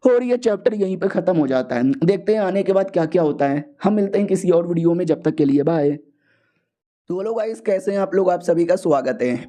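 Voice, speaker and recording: A man narrating a comic recap in a casual, playful way, slangy and animated. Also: high-pitched.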